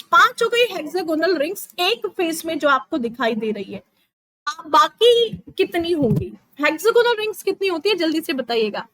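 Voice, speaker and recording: High-voiced chatty woman teacher. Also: fairly bright tone, no echo, low-quality recording. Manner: chatty, teasing students, counts aloud. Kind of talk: online exam-prep lesson.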